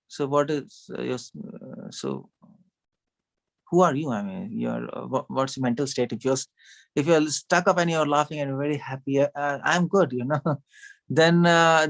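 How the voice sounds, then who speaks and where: Man giving a chatty, questioning sermon. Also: medium pitch. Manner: conversational, asks the audience questions, laughs often. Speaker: speaker at a devotional gathering.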